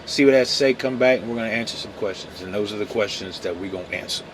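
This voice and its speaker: A man's voice: fairly low pitch, quick pace, a little hiss or hum. A man hosting a daily Bible devotional podcast, talking casually, often saying "man" and correcting himself as he goes. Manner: laid-back, peppers talk with "man", self-corrects.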